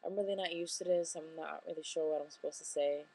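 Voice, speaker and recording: A woman's voice: low voice, steady tone, fast, darkish tone, poor audio. A young woman talking casually into her webcam at home, rambling and self-deprecating, admitting she mumbles. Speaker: vlogger. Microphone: webcam microphone.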